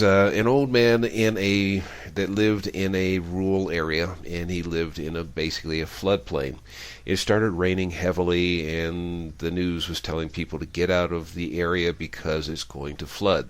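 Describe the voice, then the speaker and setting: A man hosting a radio talk show, chatting with a guest and telling a joke with lively delivery. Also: low voice. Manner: animated storyteller, raises voice for quoted characters. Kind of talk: casual interview, telling a joke.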